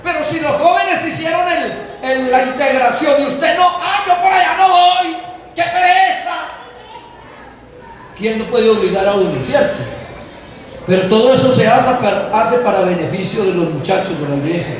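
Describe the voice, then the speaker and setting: A man preaching a lively sermon to a congregation in a church hall, playfully mimicking the excuses of young people. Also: very high voice, moderate pace. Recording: very echoey hall, voice from far off, faint noise.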